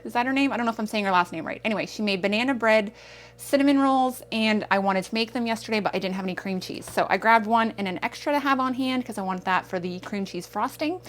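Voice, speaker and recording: A woman's voice: medium pitch, a bit bright. A woman in her thirties chatting casually through a grocery haul vlog, rambling with self-aware asides. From Canada. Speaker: vlogger.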